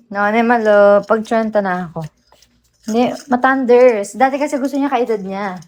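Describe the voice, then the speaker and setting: Over loud background noise, a livestream host chats casually, teases her viewers, and slips into soft singing. She talks at normal speed with a fairly high-pitched voice.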